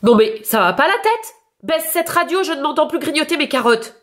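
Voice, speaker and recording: A woman's voice: on the high side, expressive, moderate pace, natural voice. A woman voicing an irritable male rabbit neighbor, exasperated and mocking, in a storybook reading.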